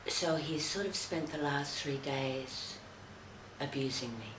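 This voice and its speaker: A woman commenting on a video, halting and full of restarts. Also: a bass voice, echoey room, noisy background. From Australia. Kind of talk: casual commentary.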